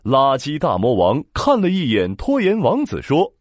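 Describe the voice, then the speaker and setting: A man narrating a children's story in a dramatic, expressive storytelling manner. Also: medium pitch, moderate pace, dry recording, studio quality. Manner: dramatic, expressive, with sound-word emphasis.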